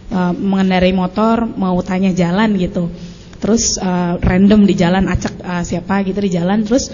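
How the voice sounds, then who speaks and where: A woman in the audience asking a polite question at a religious study gathering, pausing often. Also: medium pitch, fairly even intonation, dark tone. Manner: polite, hesitant, many pauses. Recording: echoey hall, muffled lo-fi with faint hiss.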